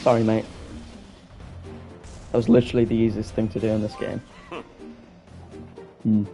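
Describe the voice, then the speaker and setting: A man's voice: on the low side, level tone, moderate pace, dark tone, soft background music. A young man casually chatting and swearing freely while live-streaming a video game.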